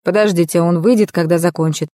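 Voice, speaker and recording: A woman's voice: lowish voice, steady tone, fast talker, warm tone, no echo, natural voice. A woman voicing a stern older woman nurse in a storybook, dry and disapproving. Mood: curt.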